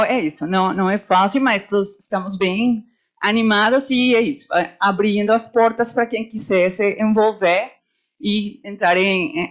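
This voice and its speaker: A woman on a panel, speaking spontaneously and earnestly as a committee member, explaining her work. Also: mid-range voice. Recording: dull, muffled event recording.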